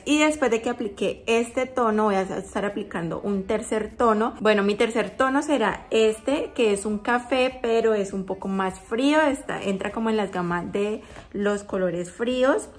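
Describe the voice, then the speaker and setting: A woman's voice: medium pitch, moderate pace. A woman vlogger talking through a makeup tutorial, chatty and explaining each step as she goes.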